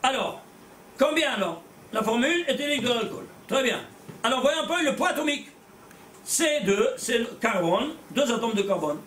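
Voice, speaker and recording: A man teaching a religious class, animated and blunt, firing rhetorical questions at his students and repeating words as he goes. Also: very high-pitched, moderate pace, slight background noise. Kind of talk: lively religious lecture to a small class. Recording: echoey room, voice from far off.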